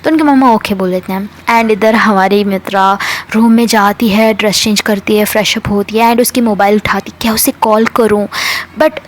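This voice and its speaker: A woman's voice: mid-range voice, steady tone, normal speed. A woman casually retelling a romance story, chatty, with fillers and repeats.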